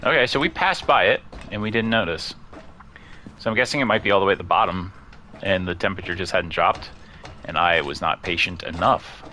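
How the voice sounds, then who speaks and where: A man giving casual let's-play commentary at home, chatty and quick to laugh, chatting about his cat as he plays. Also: low voice, sharp tone, a little hiss or hum. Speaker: gaming streamer. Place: at home near a couch.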